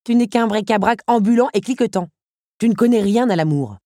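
A woman's voice: mid-range voice, very animated, normal speed, mellow, no room sound, clean studio sound, voice pushed up. A sneering automaton villain, as a woman reads him. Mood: scornful. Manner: sneering, taunting. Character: cruel mocking male automaton musician, villain. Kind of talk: audiobook character reading.

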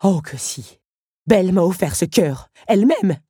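A woman's voice: on the low side, expressive, a little slow, warm tone, husky, no room sound, clean studio sound, exaggerated voice. A woman voicing a clumsy but loyal male automaton in an audiobook, earnest and determined. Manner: earnest, pleading.

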